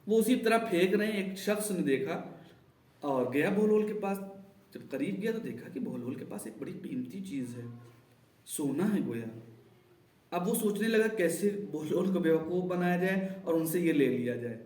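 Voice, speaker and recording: A man's voice: high voice, animated, a little mellow. A man giving a religious lesson, explaining with emphatic repetition and telling stories. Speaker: religious teacher. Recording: roomy echo, distant mic.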